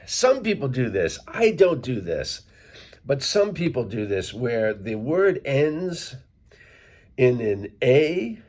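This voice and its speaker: With a mid-range, darkish voice, a middle-aged man from Worcester, Massachusetts, speaks with a light local accent. He's an English teacher vlogger giving casual lessons to camera, explaining English sounds and spelling words step by step.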